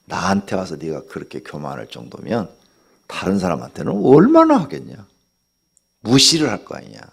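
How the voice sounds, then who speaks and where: An older man preaching a dawn sermon as pastor, blunt and scolding, acting out dialogue with sudden jumps in pitch. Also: wildly swooping pitch, normal speed, gravelly, breathy edge.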